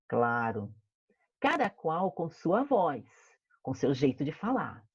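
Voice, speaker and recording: A woman's voice: on the low side, a little mellow, husky, no echo, lo-fi sound. A woman teacher with a Brazilian Portuguese accent reads a children's story aloud to her class in an online lesson, playing with sound words. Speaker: primary school teacher.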